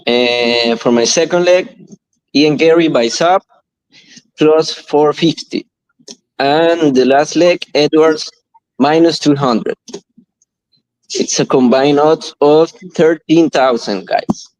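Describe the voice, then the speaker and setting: A man from Ecuador calling in to a betting show, earnest and halting. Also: a little high, darkish tone, no room sound, low-quality recording. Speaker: caller. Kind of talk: casual chat.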